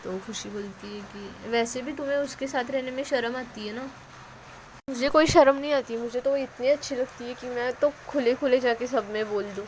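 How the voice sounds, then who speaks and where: A woman narrating a love story, voicing the characters' lines with lively energy. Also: a little high, normal speed, few pauses, slight background noise, rough recording.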